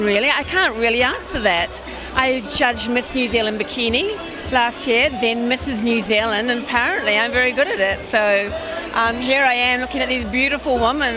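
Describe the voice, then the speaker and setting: A woman's voice: on the high side, normal speed, a crowd in the background, rough recording. A woman answers casually in an interview as a pageant judge. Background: music.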